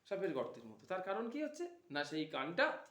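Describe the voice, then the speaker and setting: A man's voice: a little high, huge pitch swings, a little fast, a bit bright, roomy sound. A man giving a devotional discourse, asking his listeners questions and answering them himself. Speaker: Bhagavata reciter.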